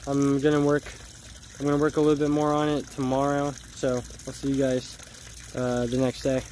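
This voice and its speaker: Mellow-voiced guy rambling to his viewers out in the backyard, easygoing diy vlog chat. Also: mid-range voice, normal speed, slight background noise. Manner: relaxed, rambling, plainspoken talk to viewers. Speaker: vlogger. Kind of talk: casual DIY vlog narration. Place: outdoors in a backyard.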